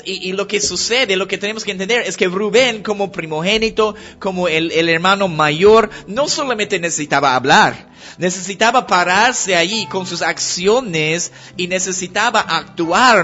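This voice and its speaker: Man, preacher, sermon, high voice, earnest, halting, dull lo-fi recording, faint music behind. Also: pushed and bright. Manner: earnest, halting with many restarts.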